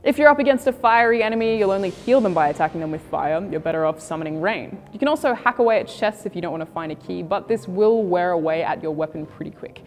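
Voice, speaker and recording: A woman's voice: fairly low pitch, animated, quick pace, hardly any pauses, darkish tone. A woman reading scripted video game reviews and news as a presenter. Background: music.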